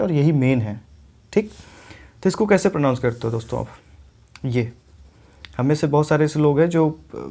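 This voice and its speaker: A man with a slightly higher voice that has a gravelly edge walks his students through English pronunciation. He repeats each word slowly, checks in with them often, and keeps the tone of a patient classroom lesson. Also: darkish tone. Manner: explains pronunciation step by step, repeats words slowly; often adds "ठीक है" and addresses viewers as friends. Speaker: English teacher.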